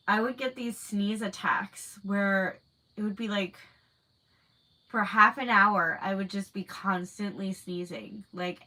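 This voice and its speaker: With a cold making her nose stuffy, a woman in her thirties hosts a casual livestream, answering viewer comments in a rambling, chatty way full of fillers. Her voice is mid-range, pushed and bright, captured in a low-quality recording.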